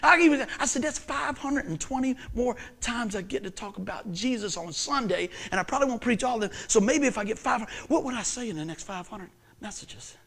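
A man preaching a sermon, swinging from hushed lines to shouted ones. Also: extremely high pitch, animated, fairly quick, vocal fry. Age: 50s. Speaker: pastor.

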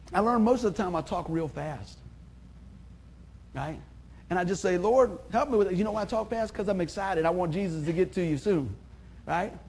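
A middle-aged man preaches with a husky, raspy edge and a voice that sits high for a man. He talks in a chatty, animated way, slipping into little acted-out quotes. He often laughs at his own slips. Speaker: pastor. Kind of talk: sermon.

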